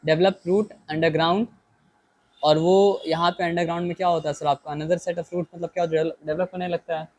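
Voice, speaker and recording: A man teaching a biology lesson in Hindi mixed with English, often asking rhetorical questions and reading English lines slowly. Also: on the high side, little pitch movement, darkish tone, no echo, low-quality recording.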